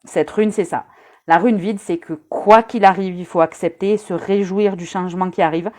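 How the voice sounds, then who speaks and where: On a live stream, a woman gives a casual rune reading in a fairly low, darkish, steady voice. Chatty and teasing, she talks directly to her viewers and often pauses on hesitant fillers.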